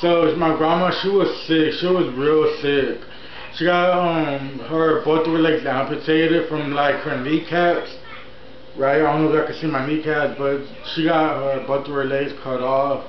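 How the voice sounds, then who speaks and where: A man's voice: on the high side, steady tone, unhurried. Rambling young man, echoey storytime vlog. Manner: informal, rambling, repeats himself. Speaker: YouTuber, channel host. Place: indoor room at home, TV on. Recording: echoey room, dull sound, faint noise.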